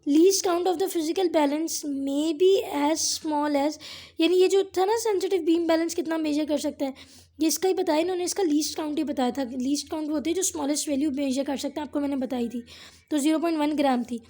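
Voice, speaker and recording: A woman's voice: high-pitched, mellow. A woman teaching a physics lesson step by step, often checking in with her students. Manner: explains step by step, reads English textbook lines slowly.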